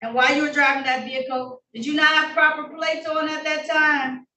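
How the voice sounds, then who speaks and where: A woman judge running formal hearings, brisk and polite, heard in a courtroom recording. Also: high-pitched, fairly even intonation, pushed and bright. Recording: echoey room heard from a distance, faint noise.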